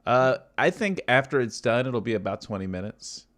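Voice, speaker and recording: A man's voice: mid-range voice, lively intonation, moderate pace, fairly bright tone. A man, a filmmaker and studio co-founder, explains his projects at length in casual livestream chat, eager and upbeat.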